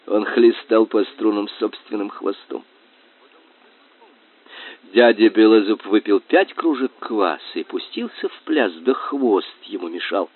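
A man's voice: lowish voice, unhurried, husky. Man reading a story over a tinny line. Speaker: narrator. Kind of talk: storybook narration. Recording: tinny dry phone-like sound.

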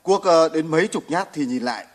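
A man's voice: on the high side, lively intonation, fairly quick. An actor playing a resourceful, modest militiaman explaining his method in a radio drama. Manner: explaining plainly, easygoing.

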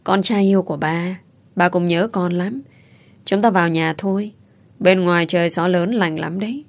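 A woman voicing a gentle, loving young father who speaks softly and tenderly. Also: on the low side, moderate pace, natural voice. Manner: soft and tender.

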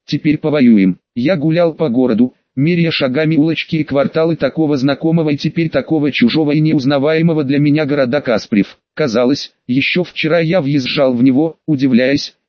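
A man's voice: a little high, fairly even intonation, a little fast, few pauses, dry recording, dull audio. Man narrating a fantasy audiobook.

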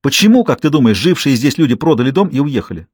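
A man reading an audiobook, voicing an angry woman who shouts sharply and cuts people off. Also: medium pitch, sing-song, fast, slightly rough, dry recording, studio quality, pitched above the performer's own voice. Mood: pleading. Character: furious fiery woman, mid-argument. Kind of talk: audiobook character voice.

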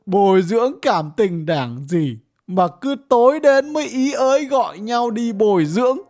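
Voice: medium pitch, very animated, normal speed, darkish tone, pitched above the performer's own voice. A reader voicing a bitter, cursing old villager. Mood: furious. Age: older. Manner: ranting, grieving, coarse cursing. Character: bitter old village man, former cadre. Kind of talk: audiobook character voice.

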